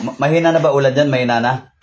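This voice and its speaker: A man's voice: medium pitch, steady tone, rapid-fire, lo-fi sound, background noise. A man leading a remote healing prayer over a call, chanting prayers and then questioning a spirit in a commanding voice, repeating his questions. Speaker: faith healer.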